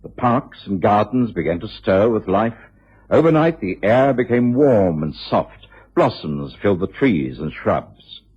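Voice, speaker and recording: An actor playing a genial, kindly middle-aged English doctor in a radio drama, with a British accent. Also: male voice, fairly low pitch, big pitch swings, measured pace, slightly rough, exaggerated voice. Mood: warm, nostalgic. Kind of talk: radio drama acting and narration. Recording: muffled, hazy old radio drama recording.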